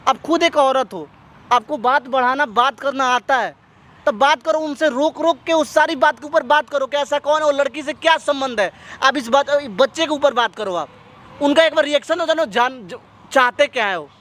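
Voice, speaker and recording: A man acting as a friend who calmly coaxes a woman through a plan, in an amateur skit. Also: very high voice, normal speed. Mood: advising. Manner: coaxing, instructive. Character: calm male friend giving scheming advice.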